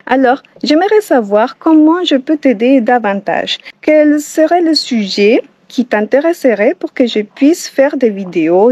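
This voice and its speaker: A Colombian Spanish teacher and channel host gives a casual bilingual lesson outdoors by the water, barefoot, saying each phrase in both Spanish and French, with a Spanish accent in her French. Her voice is high with a dark tone, and the recording is muffled but has no echo.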